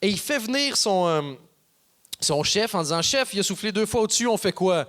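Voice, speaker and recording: A man performs stand-up comedy. His voice sits fairly high, and he jumps between voices to act out each person in his story. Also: brisk. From Canada. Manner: animated, acts out characters with voices. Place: theater stage before an audience.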